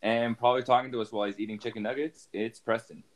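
A man's voice: medium pitch, steady tone, fast. A man hosting a casual podcast from his apartment, introducing his friends with teasing jokes. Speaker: podcast host.

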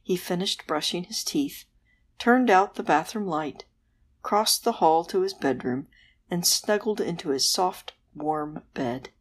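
A woman host narrating a bedtime story in a soft, gentle, unhurried way. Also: on the low side, expressive.

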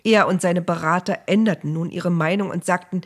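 Woman storyteller, slightly low voice, measured and vivid scripted narration. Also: steady tone.

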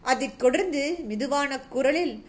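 High-voiced woman reading a novel aloud. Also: moderate pace. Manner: steady storytelling with occasional slips and restarts. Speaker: narrator.

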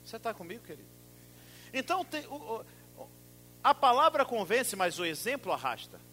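High, bright-voiced emphatic male preacher. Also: big pitch swings, moderate pace, soft background music. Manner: emphatic, rising to loud exclamations and dropping to soft asides. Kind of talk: sermon.

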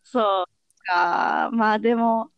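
A woman, chatting casually as a podcast co-host, quick to laugh and react. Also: on the high side, dry recording, muffled recording. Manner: laughs often, lively reactions. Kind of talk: casual chat.

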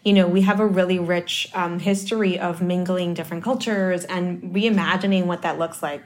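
Speaking as a guest on marketing, this Dominican woman has a lowish, somewhat dark voice that stays steady at normal speed. The conversation is casual, and she works through her thoughts out loud with plenty of fillers and false starts.

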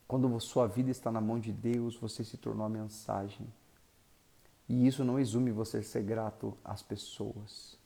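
A man preaching, his voice gravelly and mellow. He tells the story lively, rising loud and then dropping soft to drive his point home. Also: on the low side, normal speed. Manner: animated, swings from loud to soft. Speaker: pastor. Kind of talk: storytelling sermon.

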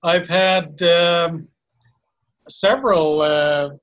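A man from Canada speaks slowly in a casual conversation. His voice sits a little high, and he pauses often as he warmly introduces friends. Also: fairly even intonation, rough recording. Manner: slow, halting, complimentary. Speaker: guest and co-host introducing friends.

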